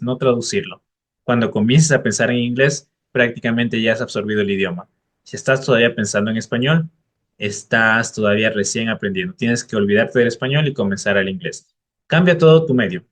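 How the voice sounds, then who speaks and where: A man, an English tutor, giving direct and encouraging study advice to the viewer in a casual explainer video. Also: mid-range voice.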